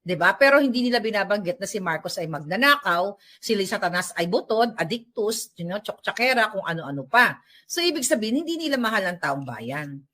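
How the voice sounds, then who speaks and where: Animated ranting vlogger. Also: female voice, mid-range voice, fairly quick. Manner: animated, sarcastic ranting with laughs and English code-switching. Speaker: political vlogger. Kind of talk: casual vlog commentary. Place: at home while tidying up.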